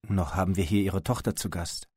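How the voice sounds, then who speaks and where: A man puts on a tall male leader who pleads solemnly and insistently, each word slow and measured. The voice sits deep and low, recorded close and dry with no room sound around it. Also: steady tone, darkish tone, husky, no room sound. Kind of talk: audiobook character voice.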